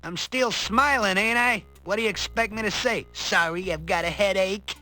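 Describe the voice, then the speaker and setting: A man's voice: sits high, moderate pace, pushed and bright. A man voicing a cheeky, sarcastic sidekick who cracks jokes. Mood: wisecracking. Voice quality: joking, sarcastic. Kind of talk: game voice acting. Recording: game audio with faint music.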